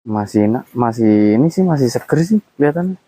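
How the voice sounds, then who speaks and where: A man, gently coaxing and questioning on location during a casual vlog about a haunted house. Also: medium pitch, expressive, fast talker, no echo, rough recording. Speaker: vlogger investigating a haunted house.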